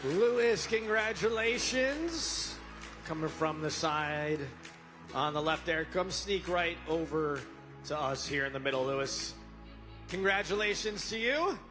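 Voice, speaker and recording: A man with a fairly high voice co-hosts a live prize event. He interviews winners in an upbeat stage manner, with music behind him. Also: unhurried.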